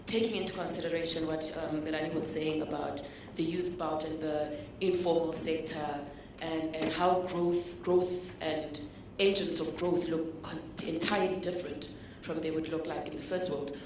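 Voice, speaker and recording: A woman with a very low voice poses a thoughtful question during a workshop, restarting phrases as she weighs two options. She is picked up by a distant mic in a reverberant hall, with clear noise in the background. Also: steady tone, normal speed. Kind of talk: question in a panel discussion. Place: conference hall.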